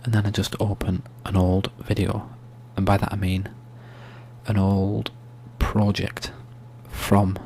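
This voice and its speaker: A soft-spoken man giving an ASMR-style screen tutorial, explaining steps in a hushed, unhurried, informal way. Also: deep voice, flat delivery, vocal fry. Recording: faint hum and background noise.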